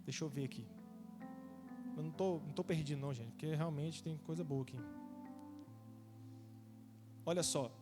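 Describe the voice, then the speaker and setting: A man preaching a dramatic sermon as pastor, swinging from loud to soft and acting out the voices he quotes. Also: a little high, normal speed, pauses often, long reverb tail, music in the background. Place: church sanctuary.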